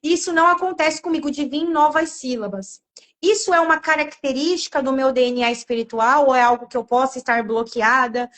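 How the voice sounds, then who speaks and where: A woman's voice: high-pitched, brisk, fairly bright tone. A woman with a Brazilian accent hosting a live interview, asking questions hesitantly with many fillers. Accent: Brazilian Portuguese. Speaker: live show host. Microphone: video call.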